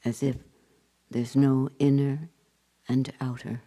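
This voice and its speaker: A spiritual teacher guides a meditation in short phrases, leaving long pauses and letting his endings fall to a hush. His mid-range voice has a flat delivery.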